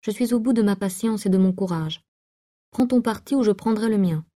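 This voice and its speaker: Brief: woman reader voicing a brooding jealous young man, low, dark and mellow tone, storybook reading. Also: brisk, close to an everyday voice. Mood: grim.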